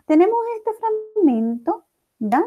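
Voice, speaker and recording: A woman's voice: extremely high pitch, sing-song, slow pace, soft background music. A woman teacher explains a lesson step by step, often checking in with the class. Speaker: language teacher. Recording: dull lo-fi recording.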